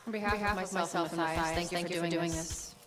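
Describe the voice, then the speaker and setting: An actress playing a composed female patron who hires a mercenary in a video game cutscene, speaking in a calm, persuasive way. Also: fairly low pitch, brisk, close to an everyday voice. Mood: cool, persuasive.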